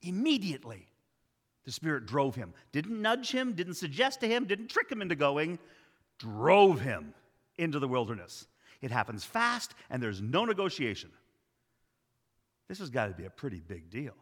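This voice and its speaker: Guy preaching a sermon, kinda high voice, lots of jokes on the side, echoey church hall. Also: big pitch swings, normal speed, a bit bright. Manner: conversational, wry asides, emphatic repetition. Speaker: pastor.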